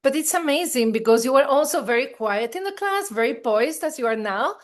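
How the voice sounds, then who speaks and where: A woman's voice: sits high, animated, fairly quick. Enthusiastic woman podcast host. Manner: enthusiastic, admiring introductions. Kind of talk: interview podcast.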